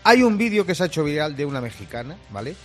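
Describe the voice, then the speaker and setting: A man's voice: a little high, quick pace, soft background music. A man co-hosting a morning radio show, telling stories with lots of laughter. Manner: lively, laughing, storytelling. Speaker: radio co-host. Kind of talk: casual radio banter.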